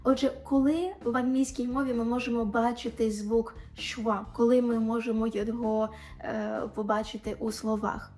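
A woman with a Ukrainian accent teaching English pronunciation, saying example sounds slowly and clearly, with faint music behind. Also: fairly high pitch, a little mellow. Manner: clear, demonstrative, over-articulating example sounds. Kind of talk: pronunciation lesson.

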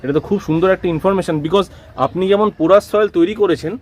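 A man's voice: sits high, quick pace, darkish tone. A man, asking questions and summing up for viewers with enthusiasm. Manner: enthusiastic, addresses viewers as friends. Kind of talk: casual interview.

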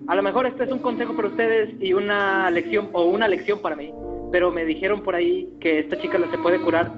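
A man's voice: high voice, fairly even intonation, a little fast. A man giving joking, playful commentary over a video game, breaking into panicked yelps and squeals. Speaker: let's play gamer. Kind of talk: casual gameplay commentary. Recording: dull lo-fi recording over game music.

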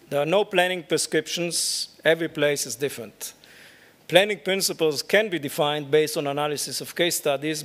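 Middle-aged guy lecturing at a podium, kinda high voice, lots of uhs, big dark hall. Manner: halting, many "uh" fillers. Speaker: keynote speaker, urban planner. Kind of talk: conference keynote lecture. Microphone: podium microphone.

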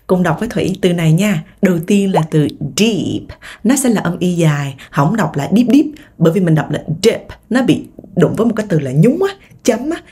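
A young Vietnamese woman teaching English vocabulary in Vietnamese. She drills each word slowly and explains quickly. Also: medium pitch, warm tone, breathy edge.

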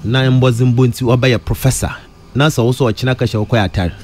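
A middle-aged Ghanaian man talking in a radio studio, mixing Twi and English, his pitch leaping up on questions. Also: steady tone, fast talker, a little mellow. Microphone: studio mic close to mouth.

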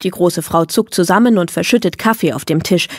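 A woman reading a children's book aloud as the narrator, telling the story in a clear, measured way. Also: fairly low pitch, dry recording, clean studio sound. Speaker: audiobook narrator.

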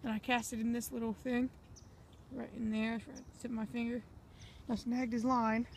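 A woman talks casually into a handheld phone while fishing outdoors, rambling to her viewers in a slightly high voice. Faint nature noise sits behind her speech. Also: level tone, moderate pace, a little mellow. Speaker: fishing vlogger. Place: outdoors at a pond bank.

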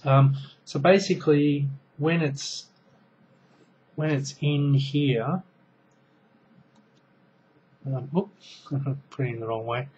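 This product reviewer, an Australian in his thirties, speaks slowly with long pauses in a steady, mid-range, darkish voice. He rambles through a casual gadget demo at home, full of ums and restarts as he handles it. The close-range webcam mic in his small room cuts off the highs and adds a little hiss or hum.

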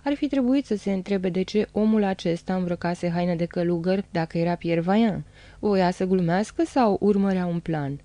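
A woman narrating an audiobook of a novel in a steady, dramatic storytelling manner. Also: on the low side, dry recording. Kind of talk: audiobook reading.

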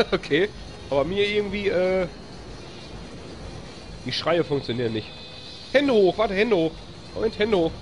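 A live-stream gamer with a German accent giving excitable let's-play commentary, cheering and laughing often and grumbling when the game gets stuck. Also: medium pitch, unhurried, long pauses, soft background music.

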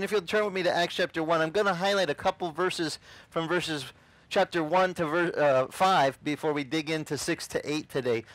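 With a fairly high pitch, a middle-aged non-native English-speaking pastor gives a lively, informal outdoor sermon by the beach, gesturing as he acts out quoted voices. The audio is poor, though the recording is dry.

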